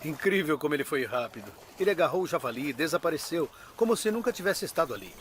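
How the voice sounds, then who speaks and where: A man's voice: on the high side, sing-song, quick pace. An actor voicing a crocodilian researcher, a man speaking in a dubbed nature documentary. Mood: impressed. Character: male crocodilian researcher, cautious and impressed. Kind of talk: dubbed nature documentary interview and field commentary. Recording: noisy, outdoor ambience behind.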